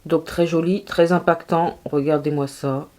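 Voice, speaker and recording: A woman with a French accent, chatting casually through a makeup review, animated and quick to laugh. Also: low voice. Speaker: beauty vlogger.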